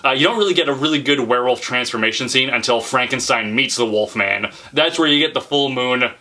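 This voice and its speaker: A man's voice: mid-range voice, a little fast, bright, forceful tone. A man hosting his own horror movie channel, talking casually and chattily to his viewers. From Canada. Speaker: horror video host. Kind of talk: casual talk to camera.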